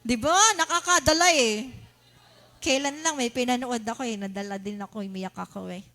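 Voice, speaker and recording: A woman with a Filipino accent preaching a sermon, asking the congregation questions and mimicking excited worshippers. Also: a little high, quick pace. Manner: animated, asks the congregation questions, laughs, mimics shouting worshippers.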